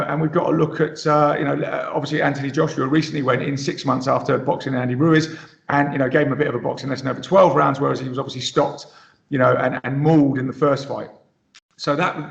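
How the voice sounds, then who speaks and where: A man's voice: on the high side, gravelly. A man from Britain giving conversational boxing analysis, thoughtful and full of fillers and restarts. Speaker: boxing pundit. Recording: roomy, muffled lo-fi sound.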